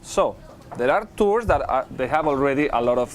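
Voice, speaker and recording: A man's voice: mid-range voice, lively intonation, moderate pace. A man with an upbeat, jokey cruise director manner, chatting casually as host of a ship's morning show.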